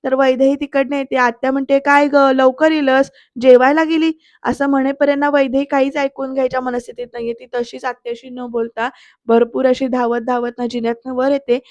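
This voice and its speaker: A woman narrates a voice-over review of a TV soap episode, walking through each scene and talking straight to her viewers. Her voice is high and fairly flat in its pitch. The sound is dry and close to the mic. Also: fairly quick, no room sound, dull audio. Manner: retelling scenes with quoted dialogue, addresses viewers. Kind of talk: voice-over retelling of a TV serial.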